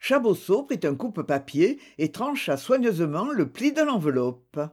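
An audiobook narrator reading a novel in a measured, expressive storytelling manner. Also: medium pitch, breathy edge. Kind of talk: literary narration.

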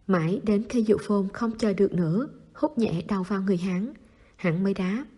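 A woman narrating a novel in a steady, soft storytelling manner. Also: mid-range voice, a little fast, slightly rough. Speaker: audiobook narrator.

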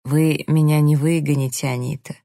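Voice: mid-range voice, flat delivery, gravelly, dark tone, dry recording, clean studio sound, natural voice. A reader voicing a condescending man who coaxes his secretary in an audiobook. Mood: scolding. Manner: coaxing, slow, smirking. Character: male employer, smooth seducer, condescending. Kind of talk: audiobook character reading.

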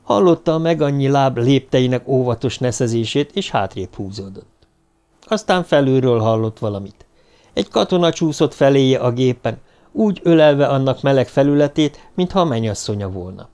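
A man's voice: mid-range voice, lively intonation, darkish tone, smooth. Man narrating an audiobook.

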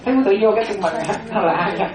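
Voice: mid-range voice, a crowd in the background. Monastic teacher, distant and roomy. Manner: repeats terms slowly for note-taking, chatty asides. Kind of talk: classroom dharma lesson. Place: classroom with a board. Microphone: distant room microphone. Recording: roomy, distant, dull lo-fi room recording.

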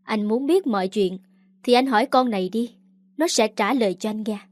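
A woman's voice: on the high side, normal speed, a little mellow, dry recording, studio quality, lightly acted. A woman reading aloud the lines of a cold, contemptuous young man in a storybook narration. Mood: scornful. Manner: contemptuous, cutting.

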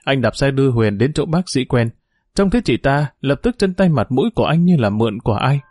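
A man reading a novel aloud in steady, measured storytelling narration. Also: mid-range voice, dry recording, studio quality.

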